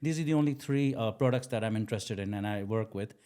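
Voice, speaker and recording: Mellow-voiced man in his forties from Dubai. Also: on the low side, fast, smooth. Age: 40s. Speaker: mortgage consultant guest. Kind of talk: casual interview talk.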